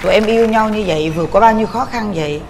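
A woman's voice: mid-range voice, very fast, a faint crowd, a little hiss or hum. A woman with a Southern Vietnamese accent hosting a TV couples show in a studio, giving advice in a motherly, coaxing way. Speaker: talk show host. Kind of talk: warm advice and coaxing talk.

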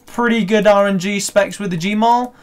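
A young man doing live gameplay commentary, swearing and breaking into excited shouts. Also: high voice, moderate pace, clear, resonant tone. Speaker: gaming video creator.

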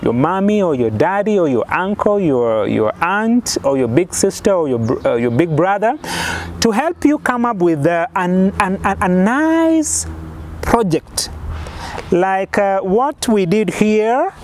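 A man's voice: high-pitched, big pitch swings, unhurried, a little mellow. A man in his thirties presenting an outdoor lesson as a kids show host, asking guessing questions and counting aloud step by step. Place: outdoors on a lawn in a yard. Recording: faint outdoor background noise.

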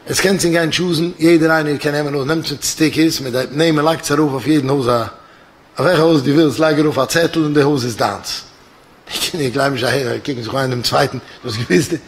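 Rabbi giving a shiur, kinda high voice for a guy, acts out the story bits, lots of restarts. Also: fairly quick. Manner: animated storyteller acting out dialogue, many restarts. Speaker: yeshiva lecturer. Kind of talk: religious lecture told as a parable.

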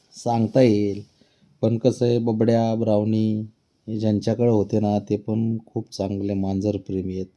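A man's voice: on the low side, warm tone. A man talking to his pet cat in a playful, teasing way, asking it questions and scolding it fondly. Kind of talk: casual talk to a pet, teasing.

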